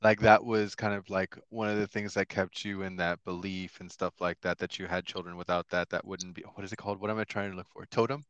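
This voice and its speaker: Low-voiced laid-back man who swears freely. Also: flat delivery, brisk, few pauses, a bit bright, no echo, lo-fi sound. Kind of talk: casual podcast chat.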